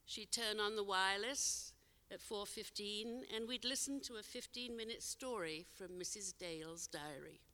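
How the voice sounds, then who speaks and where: An older woman telling a personal memory in a measured, gentle storytelling manner, her phrase endings trailing off softly. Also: mid-range voice. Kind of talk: told personal memoir on stage. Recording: long hall reverb.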